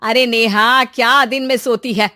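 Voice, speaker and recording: A woman's voice: a little high, steady tone, measured pace, sharp tone. A woman voicing a bossy but caring middle-aged mother who nags her daughter in a cartoon story. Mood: nagging. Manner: bossy nagging.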